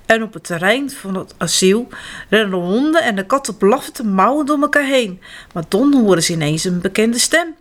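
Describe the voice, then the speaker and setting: A woman reading a children's story aloud, expressive and animated. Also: mid-range voice, moderate pace. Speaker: narrator.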